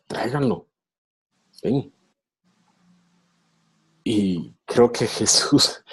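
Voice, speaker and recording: A man with a low, dark voice gives a reflective lecture over a video call. He speaks slowly and unhurriedly. He retells a story and acts out its voices, and his tone is slightly husky. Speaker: speaker in a theology webinar.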